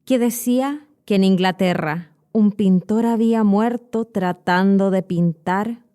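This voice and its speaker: Narrating scripted educational tales expressively, a Spanish teacher and podcast host in her thirties speaks with a Chilean accent. Her mid-range voice moves at a measured pace, mellow and clean in tone.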